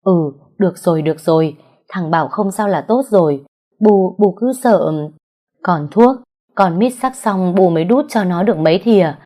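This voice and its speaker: Low-voiced woman reading a story. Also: normal speed, dark tone, distant mic. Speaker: narrator. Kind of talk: storytelling audiobook narration.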